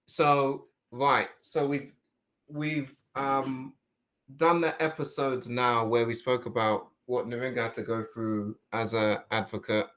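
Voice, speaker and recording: A man hosting a casual podcast discussion, talking in animated rhetorical bursts. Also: mid-range voice, slow. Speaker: host.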